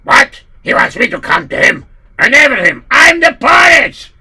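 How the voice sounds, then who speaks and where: A man voicing a boastful, pompous male landowner who bellows and groans loudly. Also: extremely high pitch, very animated, normal speed, husky, pitched above the performer's own voice, full character voice. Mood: indignant.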